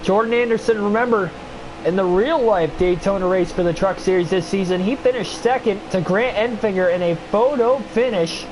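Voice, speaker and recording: A young male streamer with a stuffy nose and a voice wearing thin calls a sim racing game play-by-play while chatting with viewers. He sounds high-pitched at normal speed, over a noisy background.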